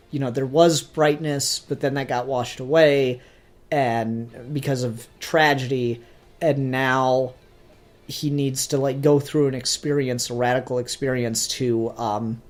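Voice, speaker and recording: A podcast host chats casually in a review discussion, laying out his opinions earnestly and enthusiastically. His voice is mid-range and a little mellow.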